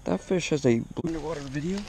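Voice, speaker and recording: A fishing vlogger chats with viewers from a grassy reservoir bank, excitable, exclaiming and slangy. His voice is a little high and fast, picked up by a body-worn action camera mic with faint background noise.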